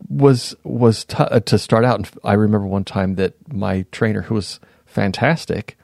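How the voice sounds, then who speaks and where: A man in his fifties, a podcast guest, reflectively recounting his past in a casual interview, pausing and restarting sentences. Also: on the low side, steady tone, vocal fry, darkish tone, no echo, studio quality. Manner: reflective, unhurried, often pauses and restarts mid-sentence.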